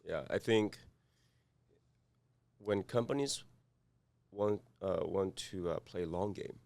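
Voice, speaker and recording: A man from South Korea with a Korean accent, a podcast guest speaking haltingly with many fillers and restarts. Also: low voice, creaky, a little mellow, no echo. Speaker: guest, cybersecurity firm founder. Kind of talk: podcast interview.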